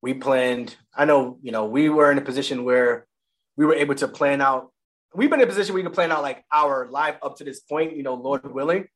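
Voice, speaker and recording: A man and new father chatting casually about family money, talking loosely and correcting himself as he goes. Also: mid-range voice. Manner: fast, loose, self-correcting. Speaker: guest, father.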